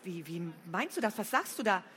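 A woman reading a storybook, voicing a fierce, upset boarding school girl in a high, shrill voice that rises to shouting. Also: very animated, moderate pace, slight background noise. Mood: outraged.

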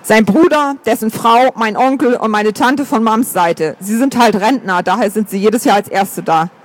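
A man's voice: sits high, normal speed, close to an everyday voice. A man voicing an easygoing, reassuring older man in an audiobook. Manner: soothing, wry.

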